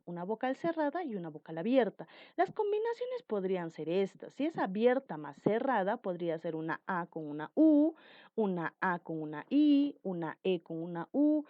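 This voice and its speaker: Lively, animated woman teaching. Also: mid-range voice, no echo, dull audio. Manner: slow, emphatic explaining with repeated examples. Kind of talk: Spanish grammar lesson.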